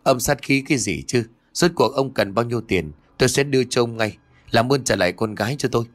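A man's voice: medium pitch, brisk, lightly acted. A man voicing a frantic young mother in an audio ghost story, accusing and desperate.

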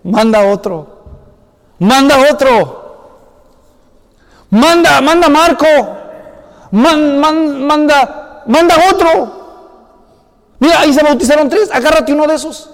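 A man's voice: very high voice, slow pace, long pauses, in a large hall, voice pushed up, full character voice. A man acting out Moses as a reluctant adult man, whining and pleading with God to send someone else. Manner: whiny, pleading, repeating himself.

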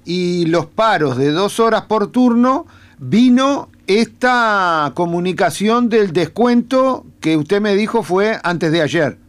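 High-voiced radio host. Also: male voice, lively intonation. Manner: brief acknowledgments, measured questions. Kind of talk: radio interview.

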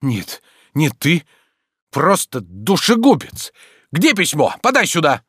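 A man voicing an irritable, idle gentleman in an audiobook reading, scolding loudly in a raised voice. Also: fairly high pitch, lively intonation, moderate pace, dry recording, clean studio sound, voice pushed up. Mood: exasperated.

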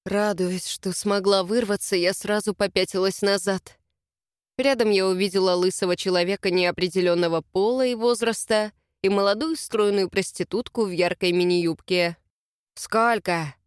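A woman's voice: mid-range voice, steady tone, moderate pace, smooth, no room sound, studio quality. Woman narrating a first-person audiobook.

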